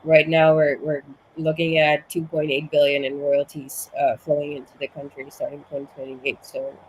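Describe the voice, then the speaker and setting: A woman's voice: sits low, completely flat delivery, normal speed, slight background noise, rough recording. A woman from Suriname, a guest in a casual interview, a bit out of breath from being sick, explaining at length with many restarts. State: slightly out of breath from illness. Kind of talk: casual conversation.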